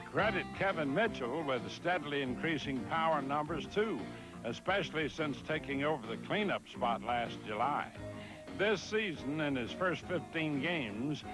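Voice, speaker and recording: A man reading the scripted narration of a baseball feature with a measured, punchy delivery. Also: fairly high pitch, low-quality recording.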